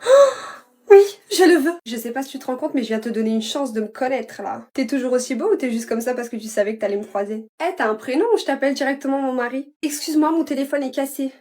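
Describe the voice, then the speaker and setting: A woman's voice: sits high, fast, few pauses, darkish tone. A woman performing comedy sketches, trading brash slangy retorts as every character.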